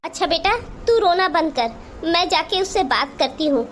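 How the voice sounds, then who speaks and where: A woman's voice: extremely high pitch, expressive, normal speed, a little hiss or hum. A woman doing a kindly cartoon aunt. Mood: consoling. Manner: gentle, consoling. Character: kindly older aunt, gentle and fair. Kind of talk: Hindi cartoon voice acting.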